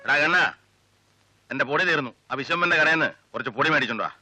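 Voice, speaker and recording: A bossy old grandfather who scolds and teases the family in quick, clipped bursts. His voice sits fairly high and bright, and the recording is dry, with faint music underneath. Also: no echo, rough recording. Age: older. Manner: gruff scolding, teasing. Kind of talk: 1980s film acting.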